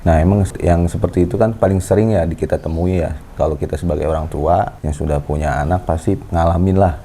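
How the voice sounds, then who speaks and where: Deep, mellow-voiced man explaining calmly. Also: brisk. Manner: calm, explanatory, lecturing tone. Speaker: host. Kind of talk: casual parenting chat. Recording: faint background noise.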